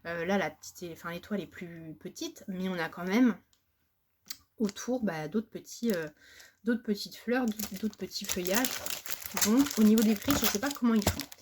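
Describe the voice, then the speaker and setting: A woman's voice: medium pitch, normal speed, darkish tone, slight background noise. Chatty French woman showing craft buys. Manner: hesitant, many fillers and restarts. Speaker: crafting haul vlogger. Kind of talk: casual chat.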